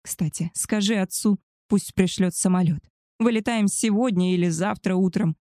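A woman's voice: medium pitch, normal speed, mellow, dry recording, studio quality, close to an everyday voice. A woman voicing an arrogant, spoiled young she-wolf woman who talks down to others in a haughty, contemptuous way. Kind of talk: audiobook character voice.

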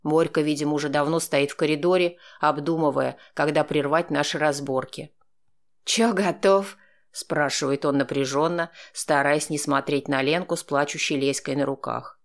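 A man's voice: a little high, level tone, normal speed, vocal fry, few pauses. Man reading a first-person audiobook. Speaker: audiobook narrator.

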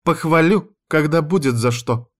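A man voicing a strict, cold woman who teaches dance, scolding her pupils in a raised, sharp voice. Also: a little high, unhurried, pitched above the performer's own voice, close to an everyday voice.

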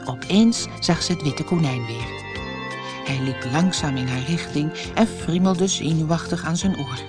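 A woman's voice: sits low, measured pace, over music. A woman from the Netherlands narrating a fairy tale audiobook for children. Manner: expressive, storybook narration. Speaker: storyteller.

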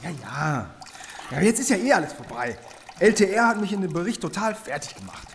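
Jittery wannabe superhero, swoopy voice, radio play. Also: male voice, high voice, big pitch swings, a bit bright, slight background noise, heavily acted. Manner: nervous, hurried. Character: flustered would-be superhero man, anxious and earnest. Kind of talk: radio drama acting.

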